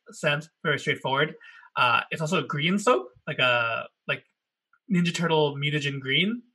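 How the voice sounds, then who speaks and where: Speaking on the high side, a man with a bright, forceful, slightly breathy voice co-hosts a laid-back talk show podcast. His storytelling rambles, he frequently corrects himself, and he laughs a lot.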